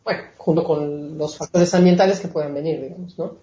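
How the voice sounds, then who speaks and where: A woman's voice: deep voice, fairly even intonation, brisk, dark tone, echoey room, highs cut off. A woman from Mexico, a genetics researcher, explaining her work in a conversational interview with frequent fillers. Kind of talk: interview answers.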